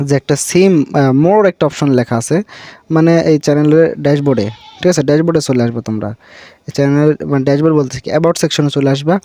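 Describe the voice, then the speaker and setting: A Bangladeshi man with a slightly high, warm voice, recorded with no room sound, hosts a relaxed app tutorial without a script. His style is repetitive and brotherly, and he addresses viewers as brother with frequent check-in tags.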